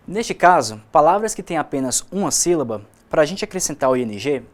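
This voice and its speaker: A man with a Brazilian accent teaching English in a recorded distance-learning video lesson, explaining patiently and methodically, spelling out letters and repeating key terms. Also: fairly high pitch.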